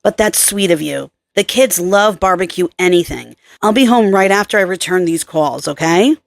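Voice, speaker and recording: A woman narrator voicing a psychiatrist mother, affectionate and gently firm. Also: on the low side, lively intonation, normal speed, gravelly, no echo. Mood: reassuring. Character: warm busy psychiatrist mother.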